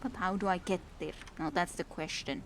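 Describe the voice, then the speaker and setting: A woman with a Finnish accent and a fairly low, fairly even voice plays a video game on stream at a moderate pace. She muses wryly and rambles, addressing her viewers and herself, with game music in the background.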